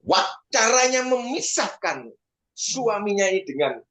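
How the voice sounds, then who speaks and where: A man preaching a sermon, animated and often calling out to his listeners. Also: unhurried. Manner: animated, swings pitch up for emphasis, keeps addressing listeners as "brothers".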